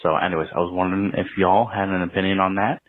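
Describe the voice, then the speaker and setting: Man leaving a voicemail, very low voice, tinny phone-line sound, rambling with lots of um and uh. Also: steady tone, fast talker, no room sound. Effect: leaving a voicemail over the phone. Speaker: caller.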